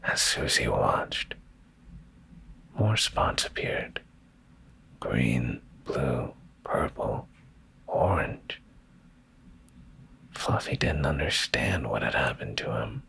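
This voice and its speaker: An ASMR streamer reads a bedtime story in a very deep, gravelly, heavily fried voice, hushed to a breathy near-whisper. Speaking close to the microphone, he draws out his words slowly with soft, soothing, expressive phrasing.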